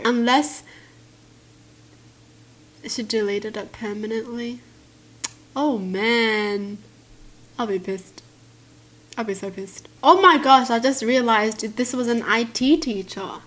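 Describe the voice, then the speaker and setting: High-voiced woman reading stories and reacting. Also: measured pace. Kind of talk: reading stories aloud with casual commentary.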